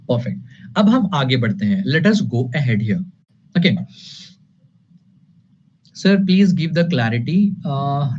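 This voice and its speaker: Casting: male online lecturer, Indian accent, slightly high voice, emphatic repeats, Hindi-English mix, lo-fi sound. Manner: emphatic and repetitive, addressing students as sir and guys; switches between English and Hindi. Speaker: anatomy lecturer. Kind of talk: live online exam-prep lecture. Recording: dull lo-fi audio with light noise.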